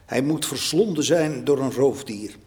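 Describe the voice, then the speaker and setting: A man's voice: mid-range voice, measured pace, darkish tone, lightly acted. Jacob, a man reading as a grieving old father. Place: church. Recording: long church reverb.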